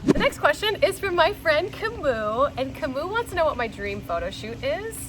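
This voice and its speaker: A young woman with a fairly high voice talks casually to her viewers while tipsy. She rambles in a playful, frank way as she answers questions. Music plays clearly behind her. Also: big pitch swings, moderate pace, low-quality recording. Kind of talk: casual chatty Q&A.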